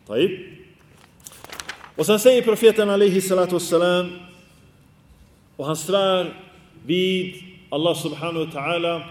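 A man's voice: a little high, a little mellow, recorded from a distance. A man giving an earnest Islamic sermon, exhorting his listeners with rhetorical questions and mixing Arabic religious phrases into his talk. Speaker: preacher. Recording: echoey hall reverb.

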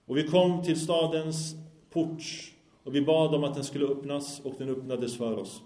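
A man's voice: fairly high pitch, steady tone, dark tone, reverberant. A man giving a religious lecture, telling a story in an explanatory way and stopping to check that listeners follow.

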